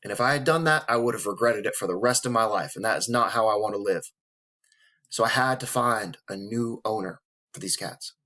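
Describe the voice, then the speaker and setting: A man's voice: lowish voice, brisk, sharp tone. Earnest, emotional man speaking frankly. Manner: earnest, emotional, profane, motivational. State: holding back tears. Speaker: vlogger. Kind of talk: personal talk to camera.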